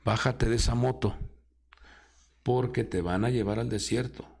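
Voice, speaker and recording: A man preaching a sermon dramatically, his pitch rising high and dropping low as he acts out quoted voices. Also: steady tone, normal speed, vocal fry, darkish tone, husky. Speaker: apostle preaching.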